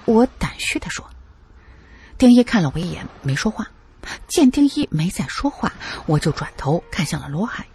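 A man's voice: high voice, sing-song, normal speed, gravelly, darkish tone, husky. A male narrator telling a first-person adventure story in a dramatic, colloquial way.

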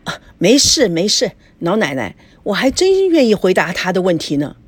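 A woman voicing a stern, wealthy middle-aged businessman father who lectures his family, with a breathy voice and lively pitch. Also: normal speed, no echo. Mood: proud.

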